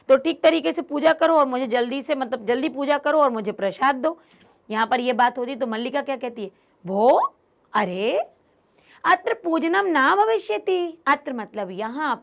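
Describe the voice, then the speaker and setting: High, gravelly woman teacher. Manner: reads lines aloud, then explains them word by word; acts out the characters' lines in a livelier voice. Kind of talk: online lesson explaining a Sanskrit text.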